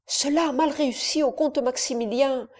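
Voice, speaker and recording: A woman's voice: high voice, normal speed, darkish tone, pitched above the performer's own voice. A woman reading an audiobook, voicing an elderly steward's wife who speaks curtly and insistently. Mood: anxious, insistent. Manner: curt, insistent.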